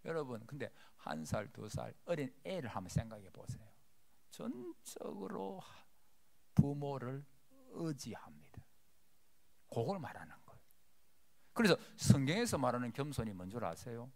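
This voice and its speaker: A male pastor preaches in a church, his voice gravelly and full of fry. His delivery is lively and animated, dropping from loud calls to whispered asides, and he acts out prayers as pleading pleas. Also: mid-range voice, normal speed. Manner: swings between loud declarations and hushed whispers. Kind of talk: sermon. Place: church sanctuary.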